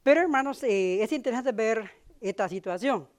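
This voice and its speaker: A man's voice: high voice, animated, moderate pace. A middle-aged man preaching from the pulpit in an easy, conversational way. He keeps checking in with his listeners through short tag questions as he speaks. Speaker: pastor. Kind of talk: sermon.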